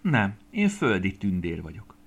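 A man voicing a curious little fairy girl in a storybook reading, her voice jumping high when she gets excited. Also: highs cut off, heavily acted. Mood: polite. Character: curious small fairy girl, gentle and earnest.

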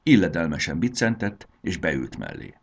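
A man reading a children's storybook aloud as narrator, with a gravelly voice. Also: sits low, huge pitch swings.

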